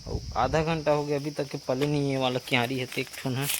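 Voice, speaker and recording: A young man with a Chhattisgarhi accent hosting a casual village vlog, talking in a playful, loud, teasing way. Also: mid-range voice, little pitch movement, brisk, noisy background. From Chhattisgarh, India. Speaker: vlogger.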